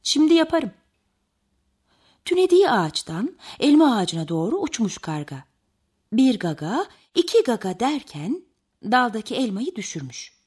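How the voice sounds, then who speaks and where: A woman narrating a children's animal tale in an expressive storytelling manner. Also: on the high side, moderate pace, husky.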